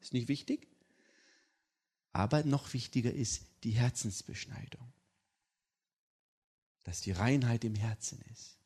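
A man preaching his personal testimony to a congregation, telling the story in a lively way and checking in with the listeners. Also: mid-range voice, measured pace, pauses often, breathy edge. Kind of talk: sermon testimony.

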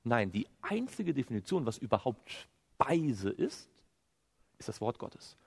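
A man's voice: mid-range voice, unhurried, vocal fry, breathy edge. A man preaching a sermon, quoting scripture and firing off rhetorical questions that he answers himself. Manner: animated, asks rhetorical questions and answers them; quotes scripture. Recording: long hall reverb.

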